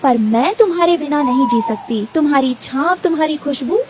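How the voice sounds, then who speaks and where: A woman voicing a gentle, anxious young sparrow mother in a cartoon, pleading. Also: high voice, lively intonation, moderate pace, noisy background. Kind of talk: cartoon voice acting.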